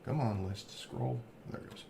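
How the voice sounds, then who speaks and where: A man's voice: on the low side, moderate pace, gravelly. A man hosting a card break, casually rambling as he reads off player names. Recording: faint background noise.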